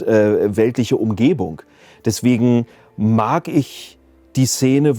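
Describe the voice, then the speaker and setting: With background music running beneath his voice, an audio drama sound designer and mixer reflects casually during an interview, at times groping for words. His medium-pitched voice is warm and carries no room sound.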